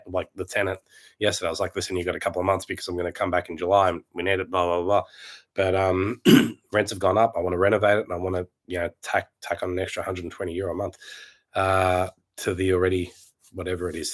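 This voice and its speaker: Low-voiced man losing his voice. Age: late 30s. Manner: rambling, repeats himself, restarts often. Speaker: property vlogger. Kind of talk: casual chat to camera.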